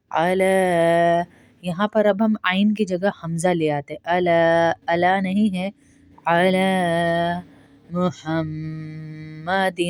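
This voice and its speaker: A woman with a Pakistani Urdu accent teaching pronunciation, explaining quickly and then reciting each phrase slowly as a model. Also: on the low side, a little mellow, no echo. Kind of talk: step-by-step pronunciation lesson.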